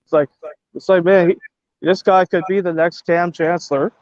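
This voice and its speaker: A man talking casually on a video call as a guest, halting and restarting his sentences. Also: high voice, fairly even intonation, dry recording. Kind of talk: casual chat. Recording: dull, dry call audio.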